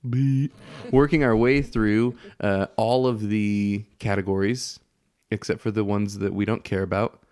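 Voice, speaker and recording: A man's voice: lowish voice, steady tone, unhurried, a little mellow, smooth, dry recording, studio quality. A man hosting a casual podcast, sounding nasal and congested from a head cold that blocks his nose. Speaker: podcast host.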